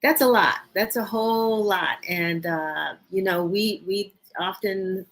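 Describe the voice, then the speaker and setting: A woman's voice: medium pitch, takes it slowly, fairly bright tone, rough recording. A woman hosting a casual interview show over a video call, upbeat and rambling with many restarts, sniffling a little. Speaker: host.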